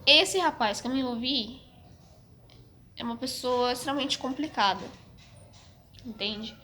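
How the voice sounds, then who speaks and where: With slight background noise, a young woman with a Brazilian Portuguese accent vlogs, telling a casual personal story to camera in a frank, hesitant way with lots of restarts and a slight cough. Her high-pitched voice is sharp in tone and measured in pace.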